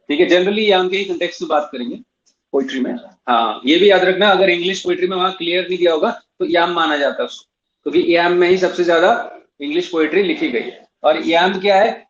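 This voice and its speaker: A man with a high voice teaches an English literature class in a classroom that is also streamed online. He switches between Hindi and English, spells out terms letter by letter and repeats each point for his students. The recording sounds dull and lo-fi. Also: normal speed, fairly bright tone.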